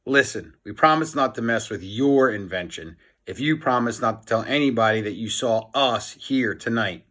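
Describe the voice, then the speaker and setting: A man's voice: medium pitch, moderate pace, fairly bright tone, lightly acted. A man voicing a cheeky, skeptical schoolboy prankster from a children's storybook, with a casual, teasing manner. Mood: curious, sly.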